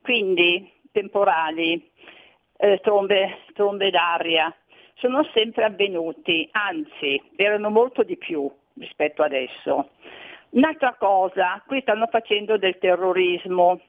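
A woman's voice: mid-range voice, takes it slowly. An older woman calling in to a radio show over the phone, talking in a rambling, dismissive way. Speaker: caller. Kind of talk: call-in radio chat. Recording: narrow phone-line audio.

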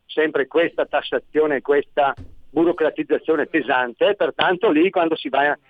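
A man's voice: a little high, unhurried, dry recording. A middle-aged man calling in to a radio show over a phone line, earnestly pressing his point. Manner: earnest, insistent argument. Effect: phone-line call into a radio show. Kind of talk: call-in comment on taxes. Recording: tinny phone line, dry.

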